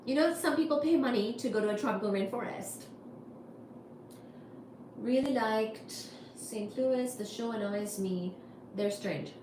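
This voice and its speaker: Answering her chat with wry asides, a woman from India hosts a relaxed livestream in a high-ish voice, speaking a little slowly with long pauses. Faint noise and echo fill the room.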